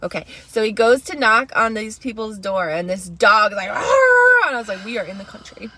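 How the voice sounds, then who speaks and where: A woman co-hosting a podcast in casual chat, telling a story in an animated way and acting out what other people said. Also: medium pitch, fairly quick, noisy background. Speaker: podcast co-host.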